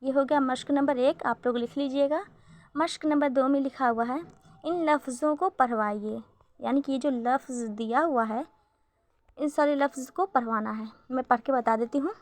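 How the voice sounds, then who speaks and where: A woman's voice: high voice, normal speed. A woman teaching a beginner Urdu reading lesson, patiently spelling out letters syllable by syllable.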